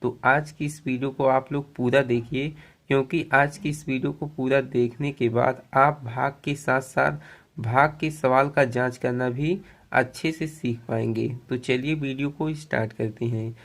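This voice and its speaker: A man's voice: medium pitch, fairly even intonation, unhurried. Patient man teaching division. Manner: patient, repeats points, addresses viewers as friends; recites multiplication tables in a sing-song rhythm. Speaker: math teacher. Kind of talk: explaining long division step by step.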